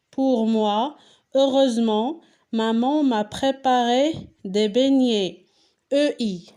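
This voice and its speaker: A woman's voice: on the high side, darkish tone. A woman with a Moroccan accent, teaching a lesson and correcting a worksheet, asking questions and answering them step by step while spelling out answers.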